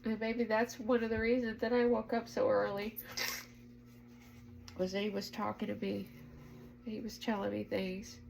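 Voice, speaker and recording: A woman's voice: medium pitch, level tone, moderate pace, vocal fry, pauses often, a little mellow, a little hiss or hum, low-quality recording. A woman talking in an earnest, emotional way in a spiritual vlog, urging her listeners to act. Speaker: spiritual vlogger. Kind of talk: heartfelt spiritual vlog talk.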